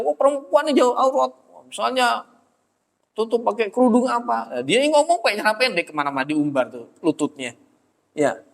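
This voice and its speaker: A man's voice: high-pitched, fairly bright tone. A man giving a religious study lecture in a prayer room, often asking questions and answering them himself. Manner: addresses listeners as "Pak", asks and answers own questions. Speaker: religious teacher. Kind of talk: Islamic study-circle lecture. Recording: long hall reverb.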